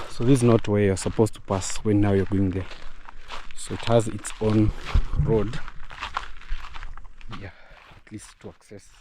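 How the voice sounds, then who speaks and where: A man's voice: lowish voice, mellow. A man with a Kenyan accent hosting a casual vlog outdoors in the countryside, explaining things as he goes. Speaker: vlog host. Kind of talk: casual vlog narration and chat. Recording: clearly noisy outdoor recording.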